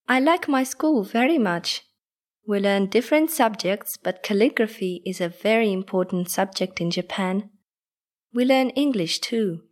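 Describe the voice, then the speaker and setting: A woman voicing a friendly teenage schoolgirl in a scripted textbook dialogue, speaking clearly and carefully. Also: mid-range voice.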